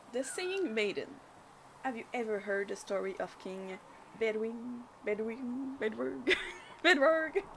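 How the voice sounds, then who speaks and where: A French-speaking woman with a French accent, playing a game and reading its text aloud haltingly, with stumbles. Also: on the high side, animated. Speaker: video game player. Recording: clearly noisy, game sounds behind.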